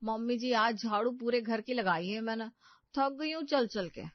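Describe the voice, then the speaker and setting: A woman's voice: a little high, moderate pace, dry recording, lightly acted. A woman voicing a lazy, sweet-talking young daughter-in-law in a cartoon story, coaxing and a little whiny. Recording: dull dry recording.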